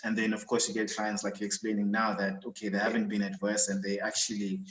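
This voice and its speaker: A man's voice: on the low side, completely flat delivery, fast, a bit bright. A man hosting a live-stream interview, conversational and affirming, asking long questions with a few stumbles. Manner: conversational, lots of affirming hums, acts out a client's voice. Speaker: host. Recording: echoey room.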